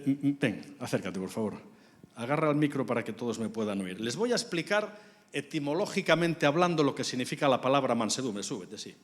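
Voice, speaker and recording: Man, sermon, emphatic, whisper-to-loud swings, long church-hall reverb. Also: on the high side. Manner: storytelling, swings from hushed whispers to raised emphatic lines. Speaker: preacher.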